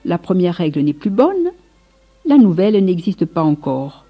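A woman's voice: on the low side, big pitch swings, moderate pace, slightly rough, faint music behind, full character voice. A woman reading aloud and voicing an earnest old male friar, on a slightly muffled recording. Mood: worried.

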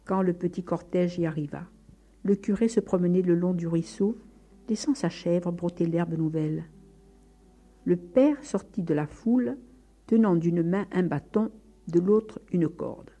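A woman narrating a story in a measured, expressive reading. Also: on the low side, husky.

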